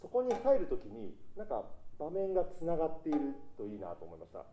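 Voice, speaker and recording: Animated choir conductor, man. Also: on the high side, quick pace, reverberant, a little hiss or hum, low-quality recording. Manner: sings phrases to demonstrate; polite and encouraging. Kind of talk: choir rehearsal coaching.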